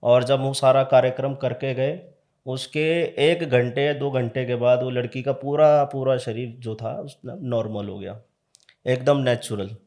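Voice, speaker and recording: A man with a mid-pitched voice tells a true horror story as a podcast guest. His telling is casual and lively, and he acts out each voice in the dialogue. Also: measured pace. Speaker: tantric practitioner, podcast guest.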